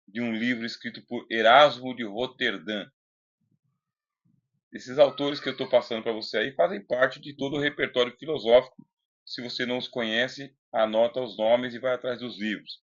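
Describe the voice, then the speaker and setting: A man with a Brazilian accent giving an informal philosophy lecture in a conversational, didactic way, putting questions to the listener, close to the microphone. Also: medium pitch. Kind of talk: informal recorded lecture with read-aloud passages. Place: closed room indoors. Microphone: close Bluetooth microphone. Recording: slightly dull, lo-fi computer audio.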